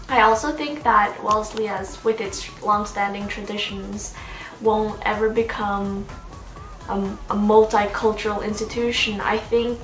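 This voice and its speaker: A young woman from Norway, an international student, answering interview questions in a reflective way and searching for her words. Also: mid-range voice. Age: young adult. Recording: echoey room, mic at a distance.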